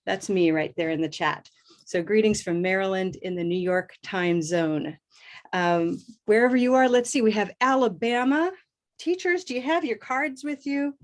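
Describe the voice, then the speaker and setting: Upbeat woman teaching pronunciation. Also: mid-range voice. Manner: upbeat, drills words by repeating them slowly. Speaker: host and English pronunciation teacher. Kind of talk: live online pronunciation lesson.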